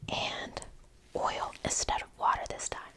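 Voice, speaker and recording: A woman in a whispered role-play, whispering a secret as a gossipy ear-cleaning attendant confiding in a client. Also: measured pace. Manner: whispering a secret, hushed and conspiratorial. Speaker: ASMR performer.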